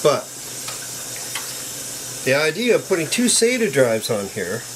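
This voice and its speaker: Older guy, folksy and chatty, slightly high voice, faint room noise; casual repair walkthrough. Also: unhurried. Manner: folksy, chatty, with bursts of excitement. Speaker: PC repair hobbyist. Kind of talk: casual hands-on tutorial narration.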